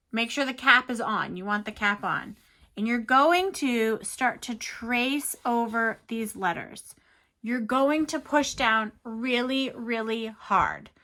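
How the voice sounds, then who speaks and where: A woman's voice: a little high, sharp tone. A woman hosting a children's art lesson, giving simple, encouraging step-by-step instructions. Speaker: children's art teacher and show host.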